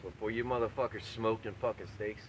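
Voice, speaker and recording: A man with a fairly low voice rambles in a loose, foul-mouthed vlog style. He is brash and crude, often repeating phrases for emphasis. There is noticeable background noise on the amateur recording. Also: steady tone, fast, rough recording. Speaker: video blogger and home cook. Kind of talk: profane, casual rambling rant to camera.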